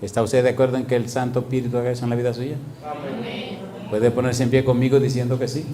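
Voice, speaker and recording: A man's voice: medium pitch, level tone, quick pace, crowd noise. A man preaching a sermon, telling a story and acting out the dialogue with laughter. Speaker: pastor. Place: church. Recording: echoey church hall.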